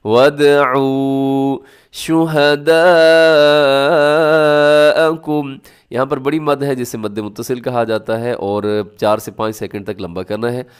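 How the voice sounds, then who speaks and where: Clear-voiced man teaching Quran recitation. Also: on the low side, fairly even intonation, faint music behind. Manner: explains rules, then models each word slowly and loudly; asks rhetorical questions to the class. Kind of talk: tajweed lesson.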